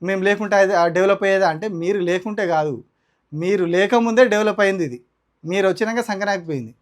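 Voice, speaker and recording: A man's voice: high voice, fairly quick. A man from Telangana speaking with a Telangana Telugu accent, delivering heated, combative opinion commentary as a political commentator. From Telangana, India. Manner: indignant, combative, rhetorical.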